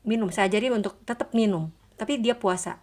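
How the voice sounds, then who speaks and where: Animated middle-aged woman giving church testimony. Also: medium pitch, fast talker. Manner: animated storyteller, laughs often, quotes her children. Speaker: guest speaker.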